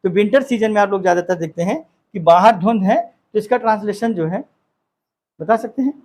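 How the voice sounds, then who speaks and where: A male English grammar teacher in a classroom, dictating sentences slowly, repeating each phrase, and asking his students questions. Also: high voice, darkish tone.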